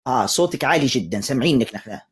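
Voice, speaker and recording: A man hosting a live religious debate stream, lecturing forcefully and cutting in to taunt a caller. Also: mid-range voice, animated, rapid-fire, slightly rough.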